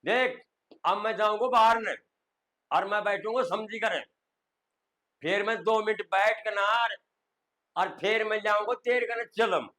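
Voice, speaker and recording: A man's voice: sits high, a little slow, long pauses, pushed and bright, low-quality recording. A man with a Rajasthani accent voicing a sly, scheming village headman who lays out his plan in a bossy rant.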